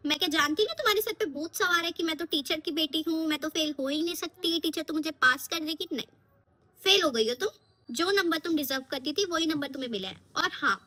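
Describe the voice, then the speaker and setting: A woman's voice: high voice, sharp tone. A woman playing a strict, scolding teacher and mother in a comic skit. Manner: scolding, bossy.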